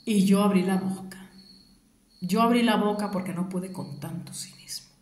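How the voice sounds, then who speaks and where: Woman whispering a sad family story, soft dark voice, echoey room. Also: mid-range voice, moderate pace. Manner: mostly whispered, hushed and grieving. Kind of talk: personal story told to an audience.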